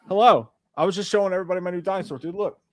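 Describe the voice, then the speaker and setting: A man's voice: high-pitched, very fast, dry recording. A man co-hosting a live stream, bantering crudely and joking with lots of laughter. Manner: joking, swears freely, laughs often.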